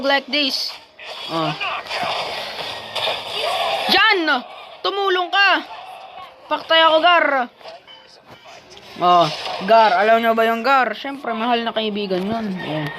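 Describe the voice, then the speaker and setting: Casual woman gamer, playful running commentary, a bit high, noisy room. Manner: playful, chatty, self-talking while playing. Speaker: gaming vlogger.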